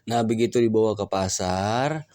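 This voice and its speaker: A man narrates a religious tale in a chatty, casual way, pitching his voice up to act out the characters. His voice is low and dark. The recording is dry and close. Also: moderate pace, dry recording. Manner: chatty, acts out dialogue in raised voices. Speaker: religious storyteller.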